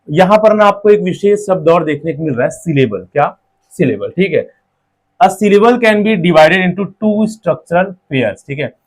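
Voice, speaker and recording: A man giving an exam-prep lecture, explaining step by step and slowly breaking words into their sounds, often checking in with "theek hai". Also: fairly high pitch. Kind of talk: classroom-style lecture.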